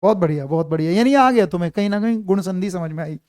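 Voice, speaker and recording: A man's voice: high voice, fast, a little mellow, dry recording, studio quality. A man teaching an online grammar class, quizzing his students and repeating his questions.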